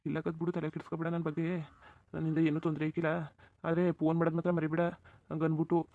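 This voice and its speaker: Someone voicing a fast-talking, reassuring village lover. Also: medium pitch, monotone, phone-quality sound, a little hiss or hum, close to an everyday voice. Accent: rural Karnataka Kannada. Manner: soothing, insistent reassurance. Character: young village man, devoted reassuring lover. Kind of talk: cartoon voice acting.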